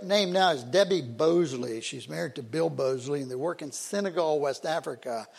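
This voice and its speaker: An older man with a high, creaky voice gives a folksy, conversational church talk introducing missionaries on slides, using plenty of fillers.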